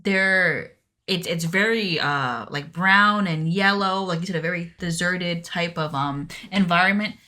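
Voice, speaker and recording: A woman's voice: on the low side, a little slow, bright, forceful tone. A young woman co-hosting a podcast, chatting in a friendly way and reading out contact details. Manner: friendly, chatty, reads listener email info. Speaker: podcast co-host. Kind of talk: casual chat.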